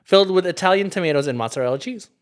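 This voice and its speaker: A man's voice: high voice, expressive, rapid-fire. A man co-hosting a podcast in casual chat, quizzing his friend, laughing often and hunting for words. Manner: giggly, quizzing, loses words mid-sentence. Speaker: podcast co-host, quizmaster.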